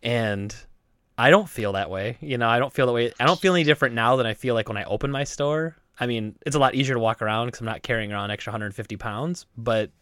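A man in his late thirties talks in casual podcast chat, wandering through his thoughts with lots of fillers and false starts. His voice sits at an ordinary pitch, and the sound is dry and close, with no room echo. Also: fast, a bit bright, clean tone. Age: 30s. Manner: rambling, many fillers and restarts. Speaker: podcast co-host.

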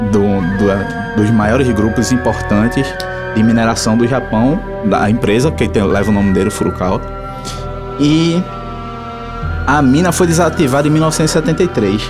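A man with a Brazilian accent hosting a casual talk show, informal and halting, repeating his words. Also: medium pitch. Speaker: radio show host. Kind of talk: casual hosted talk about travel places. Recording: music playing behind the voice. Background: instrumental music.

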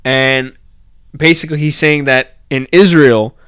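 A man of middle pitch tells a story in loose, animated podcast talk, full of fillers and the odd swear. His voice is smooth and resonant. The room is dry, with no echo. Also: measured pace. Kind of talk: casual chat.

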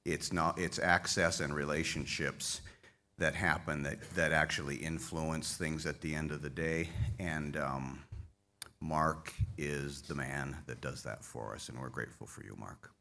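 A man's voice: extremely low pitch, fairly even intonation, unhurried, vocal fry, sharp tone. A man leading an association, giving a conference speech with folksy humor, openly emotional as he thanks his staff. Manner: folksy, self-deprecating humor. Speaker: association leader addressing members. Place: conference hall stage.

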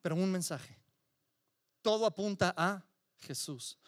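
A man's voice: high-pitched, expressive, measured pace, dry recording, studio quality. A man preaching a sermon, emphatic, with repetitions and rhetorical questions. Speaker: pastor.

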